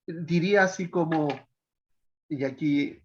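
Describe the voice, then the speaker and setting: A man teaching a biblical counseling class in an unhurried, deliberate way. He calls himself sarcastic and checks in with his students after nearly every point. His voice comes through a little dull and muffled. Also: fairly high pitch. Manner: self-described sarcastic, keeps tagging "¿ya?". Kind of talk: online class lecture.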